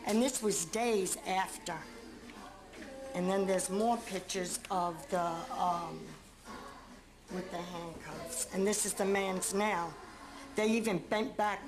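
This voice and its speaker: A middle-aged woman, the mother of a beaten man, being interviewed and talking indignantly, repeating herself as she describes photos. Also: mid-range voice. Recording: roomy with crowd noise.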